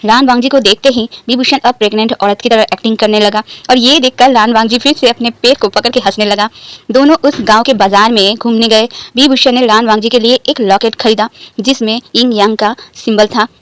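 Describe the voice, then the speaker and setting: A woman's voice: a little high, fairly even intonation, brisk, no room sound, rough recording. A woman narrating a romance fan fiction story, lightly voicing the characters' lines in her own voice.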